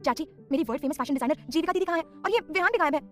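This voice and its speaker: A woman's voice: high voice, racing, soft background music, voice pushed up, close to an everyday voice. A woman voicing a sweet, chirpy twenty-one-year-old girl.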